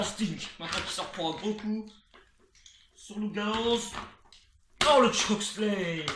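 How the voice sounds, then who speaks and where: A wrestling commentator calling a video game match play-by-play, excitable and rambling, repeating names and shouting at the big moves. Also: mid-range voice. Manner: rambling asides, repeats names, frequent restarts. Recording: roomy, noisy, distant home mic.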